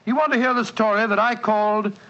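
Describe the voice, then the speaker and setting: An actor playing a genial, fussy older English doctor who reminisces in a halting, avuncular way, in 1940s radio style. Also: male voice, high-pitched, fairly even intonation, fairly bright tone. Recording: dull 1940s radio recording.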